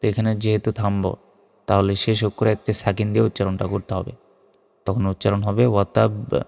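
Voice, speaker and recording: A man teaching Quran reading with a Bangladeshi Bengali accent, spelling out each letter slowly and then chanting the verse. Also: on the low side, level tone, gravelly. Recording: studio voice with long reverb and soft music.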